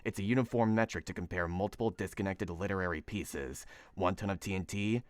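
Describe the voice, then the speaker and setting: A man voicing a brooding, gravelly male vigilante, reading a text in a low, gruff growl. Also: a little fast, no room sound, close to an everyday voice.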